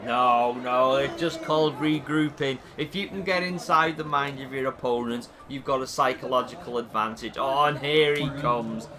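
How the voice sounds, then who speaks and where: A man doing comedic, biased wrestling commentary, excitable and mock-outraged, often shouting. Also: medium pitch, moderate pace, few pauses. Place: wrestling event with live crowd. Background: crowd noise.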